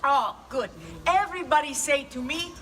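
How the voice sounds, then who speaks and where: A woman's voice: sits high, moderate pace, fairly bright tone, distant mic, slight background noise. A woman playing a kindly old Italian witch who brings gifts, with an Italian accent, telling a story to children and coaxing answers from them. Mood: storytelling. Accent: Italian (put on). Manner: theatrical, coaxing, asks the audience questions. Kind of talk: live in-character storytelling.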